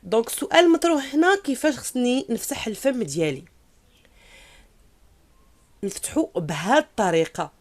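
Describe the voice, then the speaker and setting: A woman with a Moroccan accent teaching French pronunciation in a video lesson, drilling each sound slowly and asking viewers to repeat after her. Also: fairly high pitch, animated. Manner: slow, deliberate, drills words and has viewers repeat; switches between French and Moroccan Arabic to explain.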